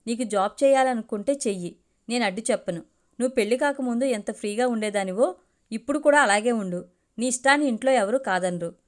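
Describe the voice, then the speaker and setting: A woman voicing a calm, considerate young husband in a storybook reading, in a gentle, reassuring manner. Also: a little high, a little fast, lightly acted.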